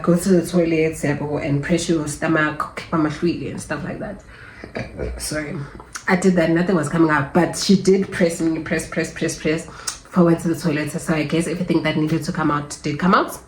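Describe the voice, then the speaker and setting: A young South African woman with a South African accent, telling a personal story in a casual vlog and acting out other people's lines. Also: low-pitched. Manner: animated, switches between English and Zulu, acts out voices of nurses. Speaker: vlogger. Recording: echoey room with faint background hum.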